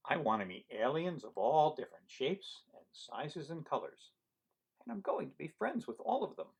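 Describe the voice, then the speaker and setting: A man reading a picture book aloud as an eager young boy who dreams of outer space, in a wide-eyed, excited storybook voice. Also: a little high, moderate pace, gravelly, husky, voice pushed up, full character voice, low-quality recording.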